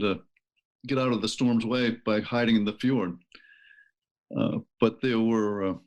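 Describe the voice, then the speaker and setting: A middle-aged man from Maine, a book author telling family history in a casual interview, rambling with many ums and restarts. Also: mid-range voice. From Maine, USA. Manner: rambling, hesitant with many fillers. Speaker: author guest.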